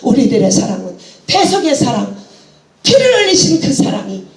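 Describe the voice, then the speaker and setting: A woman's voice: fairly high pitch, wildly swooping pitch, moderate pace, echoey room. A woman preaching a sermon with passion, laughing and exclaiming as she goes, mixing English phrases into her talk.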